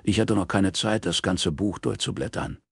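A man reading an audiobook voices a gruff, dismissive private detective in his own deep voice. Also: normal speed, no room sound, clean studio sound, exaggerated voice. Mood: grumbling.

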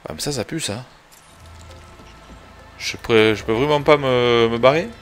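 A man's voice: mid-range voice, unhurried, soft background music. A man streaming a video game live, chatting casually, swearing now and then and greeting viewers as he plays. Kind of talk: casual live gameplay commentary.

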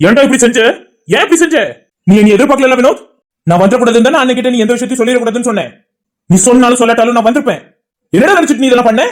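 A woman's voice: a little high, rapid-fire, close to an everyday voice. A woman doing an earnest young cartoon man. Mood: pleading.

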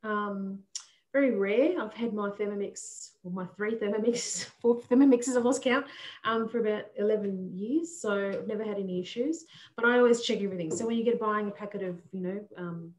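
A woman in casual chat, answering viewer questions with friendly explanations full of ums. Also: mid-range voice. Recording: roomy sound.

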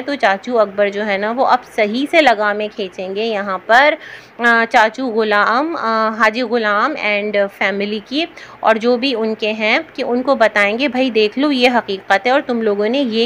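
Woman, higher voice, chatty reaction-vlog commentator, opinionated, pauses on fillers. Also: a bit bright, a little hiss or hum.

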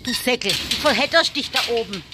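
A woman, chatting casually for a family vlog as she talks to her animals and sometimes drops into soft muttering. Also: on the high side, animated, a little fast, background noise. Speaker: family vlogger. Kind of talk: casual vlog chat while looking after rabbits.

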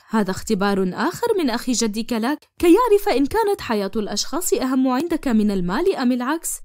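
A woman voicing a scheming, mocking male kidnapper in an animated cartoon. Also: a little high, no room sound, studio quality. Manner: mocking, commanding. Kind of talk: cartoon dubbing in formal Arabic.

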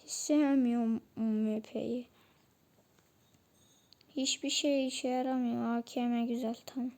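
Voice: medium pitch, level tone, a little slow, darkish tone. A channel host giving casual commentary while playing a shooter game, chatting to viewers and grumbling about weapons.

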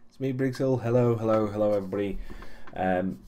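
A man's voice: fairly low pitch, a little fast, mellow, a little hiss or hum. A young man giving a casual weekly vlog recap, rambling with many ums and restarts and a dry, sarcastic streak. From Europe. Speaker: vlogger.

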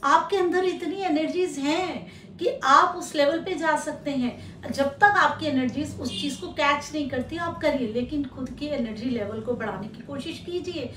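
A woman, a spiritual teacher, calmly advising the listener directly in an instructional talk. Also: high voice, normal speed, hardly any pauses, distant mic, a little hiss or hum. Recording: echoey room, voice a little off-mic.

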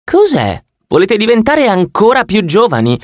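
Male reader doing a shrill, bossy kid manager with an old lady's attitude, brash announcer, high and lively. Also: normal speed, no echo, clean studio sound. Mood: pushy. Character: pushy nine-year-old girl arcade manager, really an old lady.

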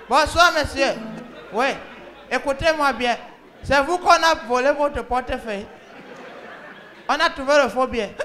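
A woman with a Cameroonian French accent playing an excitable, scolding female emergency call operator in a comedy sketch, talking to callers on the phone. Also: high voice, slight background noise. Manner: scolding, excitable, often laughing and shouting. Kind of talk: comic sketch, one side of phone calls.

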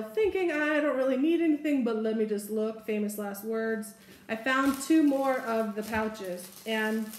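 A woman's voice: a little high, a little hiss or hum. Chatty woman in an echoey room. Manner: chatty and rambling, upbeat. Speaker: haul vlogger. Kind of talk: casual product haul chat. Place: room indoors, seated at a table. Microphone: camera in front at table distance.

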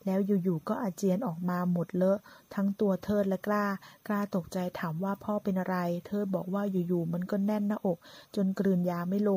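A woman narrating a drama story in a steady storytelling voice, voicing every part herself. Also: mid-range voice, husky, dry recording. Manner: reads all parts in one voice, quoting lines with light shifts.

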